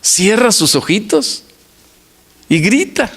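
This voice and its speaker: An older man delivers a church sermon in a fairly high voice. He preaches earnestly, repeating key phrases for emphasis and slipping into warm, folksy anecdotes between his points. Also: expressive, measured pace, creaky. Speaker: pastor.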